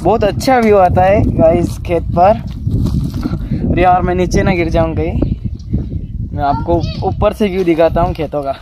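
The recording is very noisy as a young man from Rajasthan, India, chats in a friendly way with a child, asking questions during an outdoor farm vlog on a lapel mic. His voice sits high, and he speaks at a measured pace with frequent pauses.

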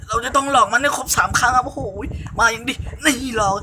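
Excitable man narrating his gameplay. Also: extremely high pitch, fast talker, slight background noise. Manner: excitable, frequent exclamations. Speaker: gamer channel host.

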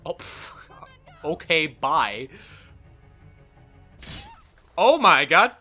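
Animated, sarcastic man joking over a game. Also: fairly high pitch, slow pace, breathy edge, soft background music. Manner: sarcastic, mock-exasperated. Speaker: gameplay video host. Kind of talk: joking gameplay commentary.

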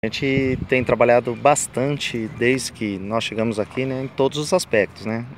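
A man, a football coach, speaking haltingly with many fillers in a recorded interview clip made outdoors. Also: medium pitch, slight background noise.

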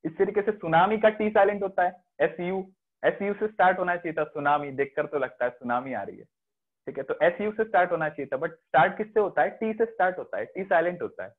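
Teaching biology online, this Indian-accented man switches between Hindi and English and keeps asking whether students follow. He speaks fairly quickly in a high, expressive voice, with the phone-like sound of a video call.

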